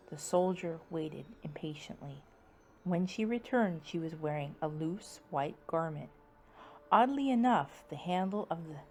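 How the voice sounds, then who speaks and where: A low-pitched woman narrates a scripted story dramatically, playful and spooky, shifting between hushed suspense and sudden swells.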